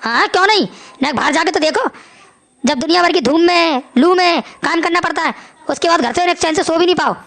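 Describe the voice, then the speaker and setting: Grumpy cartoon village dad, worn out from work and complaining, voiced quite high by a woman. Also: expressive, fairly quick, gravelly, fairly bright tone, heavily acted. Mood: grumbling. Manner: grumbling, complaining. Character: tired grumpy working village father.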